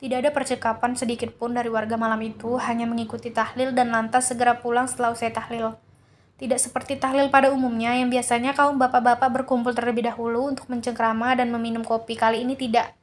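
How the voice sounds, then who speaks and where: A woman narrating a first-person horror story in a steady, earnest way. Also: on the high side, fast talker.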